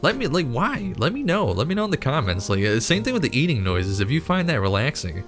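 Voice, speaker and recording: Very animated and fairly quick, a medium-pitched man hosts his YouTube cartoon channel with faint music in the background. His talk is casual and rambling, with a jokingly incredulous tone and frequent self-interruptions.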